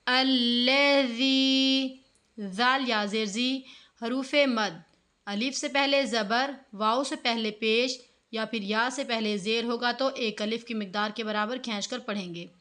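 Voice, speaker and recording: A woman teaches Quran recitation online, breaking each verse into syllables and repeating them. Her voice sits somewhat high and her delivery is unhurried. She explains pronunciation patiently, step by step. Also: fairly bright tone. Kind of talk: tajweed lesson with slow recitation.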